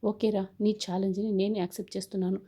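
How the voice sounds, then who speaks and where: A woman's voice: mid-range voice, level tone, fast talker, mellow, husky. A woman reading the lines of a proud, angry father of the bride, in a stern and threatening way.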